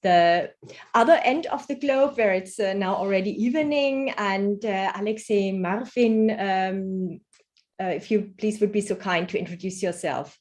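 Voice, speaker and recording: A woman's voice: medium pitch, measured pace, darkish tone. A woman moderating an online panel, inviting speakers politely with frequent fillers over a video call.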